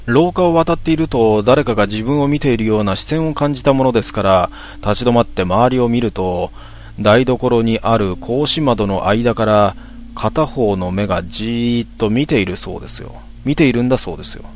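Calm man reading a ghost story. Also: medium pitch, a little hiss or hum. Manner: calm, measured, hushed storytelling.

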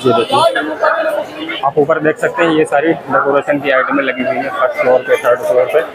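A man's voice: mid-range voice, lively intonation, normal speed, over a noisy crowd. A man narrating a walking tour of a crowded outdoor market, pointing out shops to his viewers. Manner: points things out to viewers, repeats "look here". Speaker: vlogger giving a market tour. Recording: loud street noise behind the voice.

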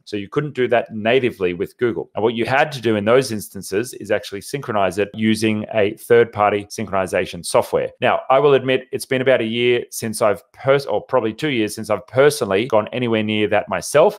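A man hosting a tech tutorial, talking casually as he explains file syncing and walks through a screen demo. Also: lowish voice. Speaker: IT consultant host.

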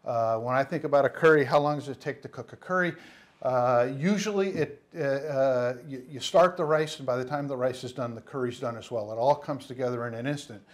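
A man's voice: mid-range voice, a little fast. A man in his fifties, a spice shop owner, giving a casual cooking demonstration in a studio kitchen on a lapel mic, full of fillers and restarts. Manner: rambling, many fillers and restarts. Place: studio kitchen set, indoors.

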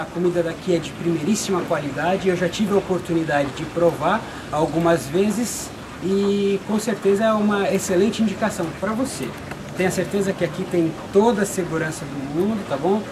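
A man's voice: high voice, lively intonation, moderate pace. Male local reporter, 40s, São Paulo accent, chatty, leading questions, noisy street sound. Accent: Brazilian Portuguese, São Paulo. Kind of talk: street interview. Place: outdoors beside a restaurant. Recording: noisy outdoor field recording.

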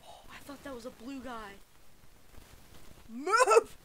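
A woman giving casual gameplay commentary, excitable and breaking into frustrated yelling. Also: fairly high pitch, a little fast, noisy background. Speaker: gamer.

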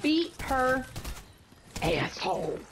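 A woman chatting with friends during a game, foul-mouthed and quick to laugh. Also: sits high, sing-song, a crowd in the background. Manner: foul-mouthed, laughs a lot, slow drawl. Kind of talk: casual gaming chat.

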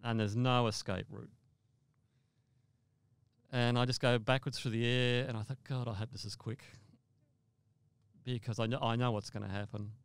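Man from Australia, interview guest, smooth clear voice, dry close sound, halting storytelling with repeats. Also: mid-range voice, fairly even intonation, no room sound. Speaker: mountaineer guest.

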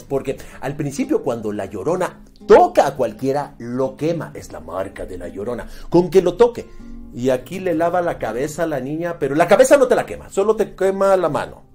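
A man's voice: on the high side, a little mellow. A man with a Mexican accent giving a mocking, exasperated movie review, swearing freely. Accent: Mexican Spanish. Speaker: film critic. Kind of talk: sarcastic movie review rant.

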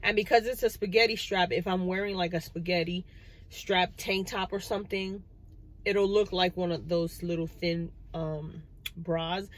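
Here a thirty-something vlogger makes casual, rambling chat full of fillers while inside her parked car. Her voice is on the low side with little pitch movement and a normal speed, and the dashboard phone camera yields a rough recording.

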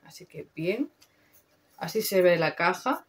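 A woman's voice: on the low side, expressive, unhurried. A young woman with a Spain Spanish accent, chatting casually and slangily through a makeup review, swearing freely. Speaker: beauty vlogger.

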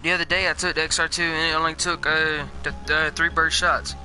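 A man's voice: on the high side, level tone, brisk, sharp tone. A young man chatting while gaming, laid-back and teasing his friends. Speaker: gamer. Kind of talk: casual gaming chat. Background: faint game music.

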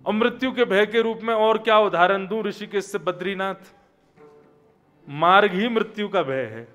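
At normal speed and in a high-pitched, slightly bright voice, a man gives a devotional discourse over faint background music. His style is conversational, full of anecdotes and rhetorical questions he goes on to answer, and he sits at a lectern on a religious event's stage before gooseneck podium microphones.

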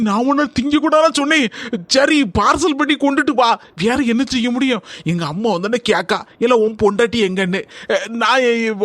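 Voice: medium pitch, a bit bright, no echo, lightly acted. A voice actor playing a harried village husband in a cartoon comedy, urgent and nagging.

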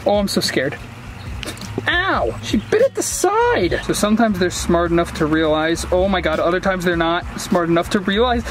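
A young man hosting his own turtle vlog, excitable and self-mocking, yelping whenever his turtles bite. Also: a little high, background noise. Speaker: turtle-keeping video creator. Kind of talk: casual vlog talk.

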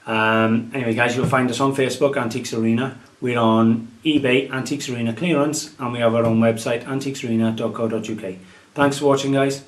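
Chatting casually indoors in his dining room, a Welsh antiques dealer and channel host in his thirties walks viewers through his market buys, sprinkling "um" and "guys" into his advice. His medium-pitched voice stays steady, and he talks fairly quickly.

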